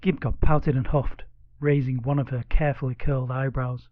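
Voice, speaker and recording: Man, children's audiobook narrator, expressive, playful, dry close sound, slightly muffled. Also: mid-range voice, normal speed, no room sound. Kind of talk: scripted storybook narration for children.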